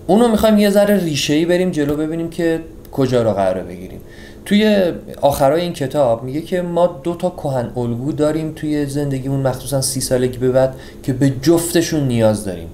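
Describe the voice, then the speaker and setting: A man casually summarizing a book for his audience, chatty and jokey, swinging between loud and hushed delivery. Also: medium pitch, roomy sound, slight background noise.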